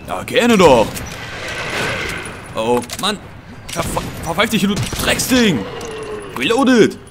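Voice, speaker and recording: A man doing excitable game commentary, swearing and talking back to the enemies on screen. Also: sits high, slow pace, music in the background. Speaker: let's play gamer. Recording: commentary over loud game sound.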